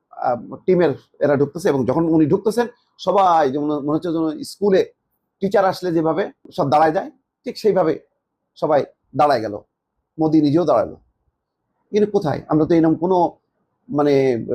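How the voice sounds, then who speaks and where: A man's voice: on the high side, mellow, breathy edge. A man giving political commentary, mocking his opponents with a string of rhetorical questions.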